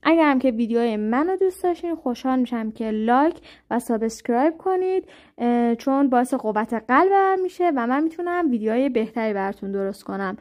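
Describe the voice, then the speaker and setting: A woman giving a step-by-step language lesson, saying new words slowly and carefully. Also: a little high, animated, a little mellow. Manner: slow, careful spelling-out of words. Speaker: language teacher. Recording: muffled lo-fi audio.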